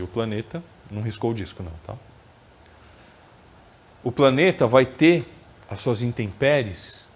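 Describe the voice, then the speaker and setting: A man lectures at a spiritist center in an easy, conversational way. His pitch sits in the middle, and he keeps checking in with the audience through short tag questions. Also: a little hiss or hum. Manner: conversational, frequent tag questions, acts out quoted dialogue.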